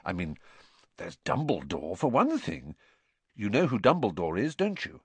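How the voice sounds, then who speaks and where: A man voicing an earnest, curious teenage boy wizard who asks hushed, urgent questions. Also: lowish voice, wildly swooping pitch, moderate pace, slightly rough, no echo, full character voice.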